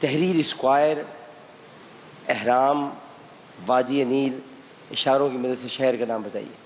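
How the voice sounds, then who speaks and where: A man's voice: mid-range voice, fairly even intonation, slow. A man hosting a televised quiz, teasing and pressing contestants for answers with impatient repeated prompts. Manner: impatient, needling, repeats commands. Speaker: quiz show host. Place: TV studio with live contestants. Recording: long studio reverb, faint hiss.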